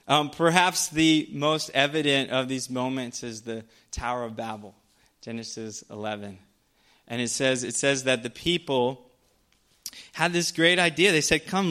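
Casual, bright-voiced young preacher. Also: male voice, mid-range voice. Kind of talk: sermon.

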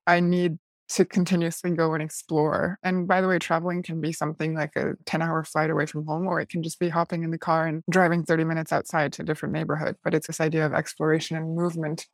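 A chatty, curious young American woman speaks as a guest in a casual interview, dropping "like" as a filler often. Her voice is deep and fast with little pitch movement, recorded on a dry close mic with no room sound.

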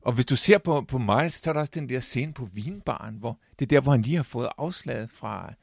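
A man with a gravelly voice in a casual film talk, halting with restarts and fillers as he retells scenes. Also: medium pitch, animated, dry recording, clean studio sound.

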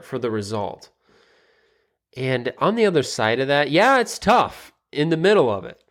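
A man hosting a podcast, speaking in a casual motivational monologue full of fillers and restarts. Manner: rambling, with many fillers and restarts; grows more emphatic and pitch rises toward the end. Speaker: podcast host.

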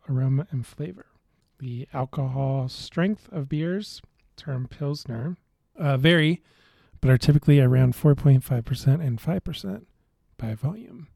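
A man co-hosting a podcast in casual beer-tasting chat, relaxed and hesitant, with many fillers and restarts. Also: mid-range voice, creaky, no room sound, clean studio sound. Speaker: podcast co-host.

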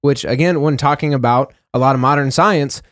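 A man co-hosts a casual Bible discussion, reading scripture aloud and talking it over in a relaxed way with small fillers and self-corrections. His pitch is medium and his pace fairly quick, captured in a dry, clean studio recording.

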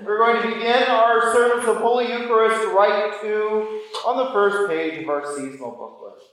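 A woman priest leading a church service, reciting prayers in a measured, solemn manner. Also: mid-range voice, a little hiss or hum. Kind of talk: liturgical prayer and greeting. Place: large room, church. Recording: echoey church, far from the mic.

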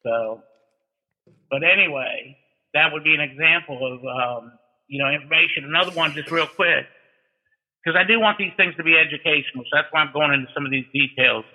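A man with a slightly high voice speaks over a thin, phone-like connection. He explains practical trade details casually, in a folksy way, moving into anecdotes as an instructor would. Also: a little fast, husky. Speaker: towing instructor and guest. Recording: thin, narrow-band phone-like line.

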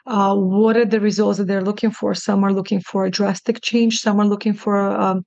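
The speaker, a middle-aged woman from Russia raised in New York, is the CEO of a clinic and a guest on a laid-back podcast. Her gravelly, fry-tinged voice holds a narrow, steady pitch as she speaks earnestly, haltingly, and with frequent restarts. There's no echo, and the sound is dry and slightly dull, like a lo-fi line.

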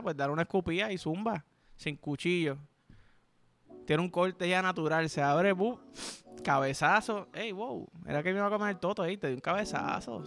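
A man's voice: fairly high pitch, fairly bright tone. A man with a Puerto Rican accent hosting a podcast, telling crude, playful stories in a rambling, slang-heavy comedic monologue. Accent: Puerto Rican Spanish. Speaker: podcast host.

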